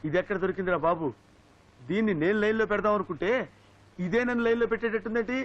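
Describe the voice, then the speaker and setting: A man's voice: high voice, racing, lightly acted. An actor playing a cheeky comic male servant who mocks his master. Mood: mocking. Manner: mocking, playful, theatrical. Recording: dull film audio with music.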